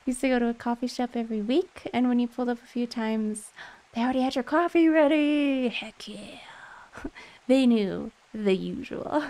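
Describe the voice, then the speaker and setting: Her voice a little high and a little mellow, a young woman talks at a normal speed while livestreaming gameplay, giggling and chatting casually with viewers. She's indoors at a streaming setup, close to a boom-arm microphone, and faint game music plays behind her.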